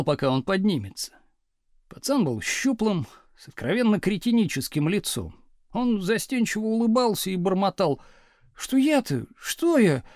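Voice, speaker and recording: An expressive male narrator reading a novel aloud with dramatic storytelling. His voice is high and very lively in pitch. It is recorded close and completely dry. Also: no room sound. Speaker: audiobook narrator.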